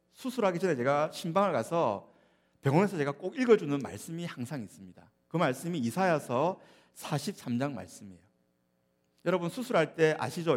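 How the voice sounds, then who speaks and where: A man preaching a sermon as a pastor, speaking expressively and growing emphatic when he quotes scripture. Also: fairly high pitch. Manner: expressive, rising to emphatic when quoting Jesus.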